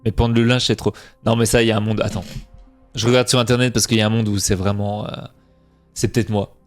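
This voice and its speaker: A man's voice: on the low side, little pitch movement, fast. Young guy streaming, faint franc-comtois accent, chatty and self-mocking, bit of music behind. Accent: slight Franc-Comtois French. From Franche-Comté, France. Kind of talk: casual live-stream chat.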